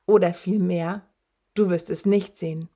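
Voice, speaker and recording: Woman reading as a cruel old werewolf, rattling gravelly voice, slow and mocking, dark tone. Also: fairly low pitch, fairly even intonation. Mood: gloating menace. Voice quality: rattling, rasping voice. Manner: taunting, gloating. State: wheezing, labored breath. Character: huge dying male werewolf, mocking and cruel.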